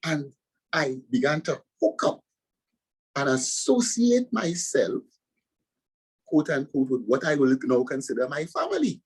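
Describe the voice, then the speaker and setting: A man's voice: fairly high pitch, very animated, measured pace, long pauses, a little mellow, breathy edge, low-quality recording. A man from Trinidad and Tobago with a Trinidadian accent, a pastor and author answering interview questions with earnest, preacherly emphasis.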